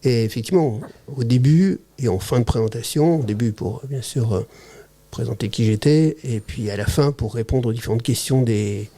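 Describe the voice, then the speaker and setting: A man with a soft, mellow tone and mid-range pitch, talking as a guest on an interview podcast. He speaks in a halting, searching way, pausing on fillers and restarting phrases. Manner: hesitant, halting, many fillers. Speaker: podcast guest, teacher-researcher. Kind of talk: casual conversational interview.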